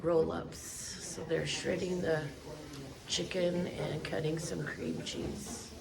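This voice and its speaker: A woman's voice: low-pitched, very animated, takes it slowly, creaky, background noise. A woman directing others and describing steps at a cooking class. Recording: echoey room from a distance, loud chatter.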